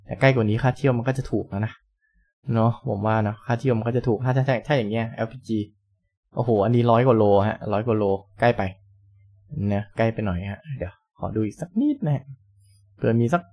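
A man's voice: fairly low pitch, a little mellow. A young man casually commenting on a truck driving game, chatty and polite, thinking aloud as he plays, with game engine noise behind him. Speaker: gaming channel host.

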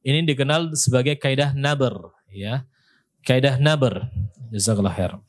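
A man's voice: medium pitch, moderate pace. A male Quran teacher giving a tajweed lesson, patiently repeating syllables to show the correct pronunciation and often ending phrases with "ya". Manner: ends phrases with a questioning "ya". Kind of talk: tajweed lesson with spoken demonstrations.

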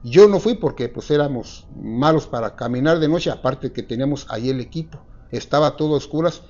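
A man in his sixties with a Mexican accent, recalling an old memory in an interview with a lapel mic, halting and full of restarts. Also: medium pitch, a little mellow, dull audio. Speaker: eyewitness interviewee. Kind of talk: recounting a memory. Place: dark room, seated.

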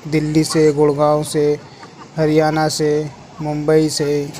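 A young man giving a casual travel vlog at a waterfall, talking excitedly and calling his viewers "guys". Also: fairly high pitch, slow pace. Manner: excited tour-guide patter, repeats "guys". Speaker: vlogger. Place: outdoors at a waterfall viewpoint. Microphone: phone camera. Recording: phone video with outdoor noise.

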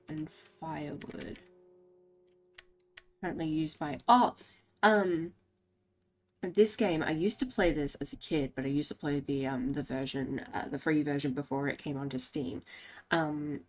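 A tired woman giving casual, halting commentary while playing a game, with many pauses and fillers. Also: low-pitched. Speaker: gameplay commentator. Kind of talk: casual let's play commentary.

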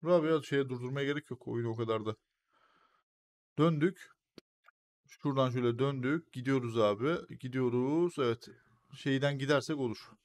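A young man doing casual let's-play commentary, excitable and quick to grumble and swear at the game. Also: medium pitch. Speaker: gameplay commentator.

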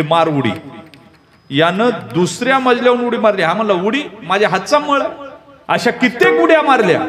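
A man preaching a kirtan sermon, telling stories and putting rhetorical questions to the audience. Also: extremely high pitch. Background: pakhawaj drum and devotional music.

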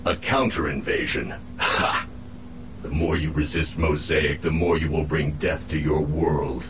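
A man voicing a captive alien infiltrator in a video game, solemn, proud and menacing, with formal, measured speech. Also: extremely low pitch, fairly even intonation, roomy sound, background noise. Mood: defiant, menacing. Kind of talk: video game cutscene acting.

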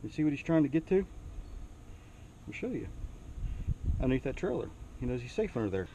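A man with an average-pitched voice talks easily through an outdoor snake demonstration, explaining as he goes and asking the viewer questions. He is filming himself on a handheld camera near a trailer. A clear hum of insects and outdoor noise runs under his voice. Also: sing-song, brisk, highs cut off. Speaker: snake educator. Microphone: handheld camera mic.

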